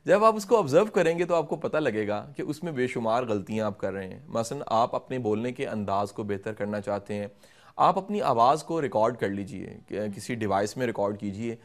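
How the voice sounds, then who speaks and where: Measured middle-aged man explaining. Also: on the low side, animated. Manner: measured, explanatory, addresses viewers directly. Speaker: guest speaker on communication. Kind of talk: instructive interview answers.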